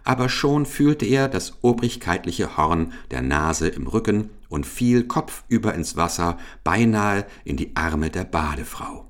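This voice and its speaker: A man narrating a humorous children's animal story in a lively, ironic, expressive reading. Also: low voice, unhurried, few pauses.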